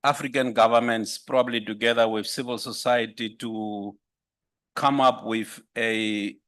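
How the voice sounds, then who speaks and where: Man at a conference, polite and measured, medium pitch. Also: fairly even intonation, a bit bright. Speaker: audience member. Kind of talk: conference floor comment.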